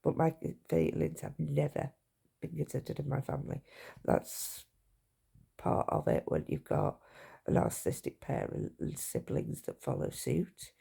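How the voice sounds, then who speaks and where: A woman talks to her phone camera in a heavily gravelly, husky voice, mellow and low in brightness. She speaks frankly and haltingly, pausing and restarting as she reflects. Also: level tone. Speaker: vlogger. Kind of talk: personal testimony to camera.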